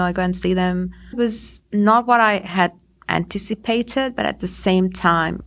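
A woman in her forties, originally from Sri Lanka, tells her career story as a guest in a conversational interview, chatting along with many fillers. Her voice is lowish and gravelly with a fairly bright tone.

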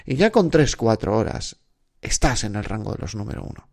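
A man's voice: fairly low pitch, big pitch swings, brisk, vocal fry, darkish tone. A man hosting an unscripted podcast, giving direct, exhorting advice to exam candidates and asking rhetorical questions. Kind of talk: unscripted motivational podcast talk.

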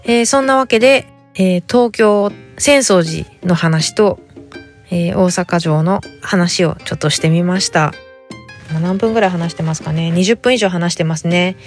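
A woman's voice: lowish voice, moderate pace, soft background music. A woman in her thirties from Japan with a Hakata accent, hosting a casual solo chat and telling stories animatedly with quoted dialogue. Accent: Hakata dialect. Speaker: podcast host.

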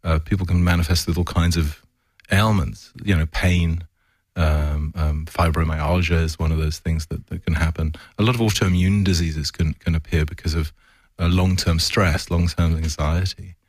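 A man with a very low voice explains his therapy work, pausing and circling back as he searches for words. The sound is dry and close, with no room around it. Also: steady tone, no room sound. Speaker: trauma therapist. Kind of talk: explaining in an interview.

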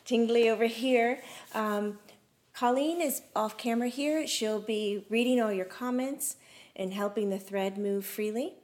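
A woman hosting a live-streamed talk show, bubbly and excitable as she welcomes viewers and runs through announcements. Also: fairly high pitch, unhurried. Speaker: host. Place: studio room.

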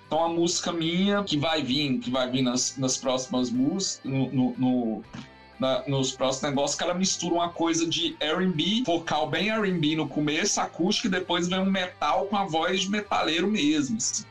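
Chatty man, rambling and animated. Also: a little high, normal speed, faint music behind. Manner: rambling, animated, lots of fillers and restarts. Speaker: musician guest. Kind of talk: casual interview chat.

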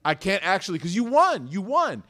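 A man in his thirties giving a lively religious lesson, acting out quoted voices and reciting verses quickly. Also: sits high. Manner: lively storytelling, acts out quoted voices, swings from loud to soft. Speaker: Islamic teacher. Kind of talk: animated sermon talk.

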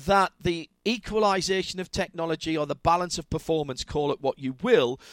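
Male interview host, enthusiastic and chatty, higher voice, dry studio sound. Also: dry recording. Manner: enthusiastic, conversational questioning. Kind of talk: motorsport interview.

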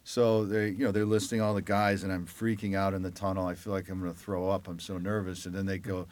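A man with a fairly low voice recounts his playing days as an interview guest. He tells it with energy, acting out the coach, the crowd and the rival in his own voice. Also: quick pace. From Detroit, Michigan. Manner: animated storyteller who acts out quoted voices. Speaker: guest, former lacrosse player. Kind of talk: conversational storytelling.

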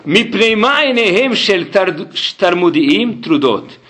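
A man teaching a Talmud class, telling the story animatedly and acting out the characters in quick voices. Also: high-pitched, sing-song, fairly bright tone, roomy sound, slight background noise. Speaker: Torah teacher giving a class.

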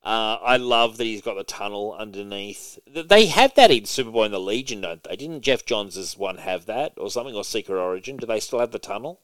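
Animated man chatting casually about comics. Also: on the low side, fairly quick, hardly any pauses, dry recording. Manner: animated, swears, many fillers and laughs. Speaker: podcast host.

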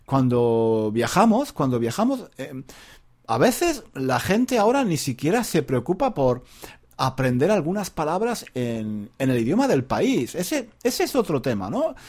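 A man's voice: on the high side, big pitch swings, measured pace, darkish tone. A man from Spain hosting a podcast alone, in a rambling, self-correcting casual monologue full of rhetorical tags and restarts. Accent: Spain Spanish. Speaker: podcast host.

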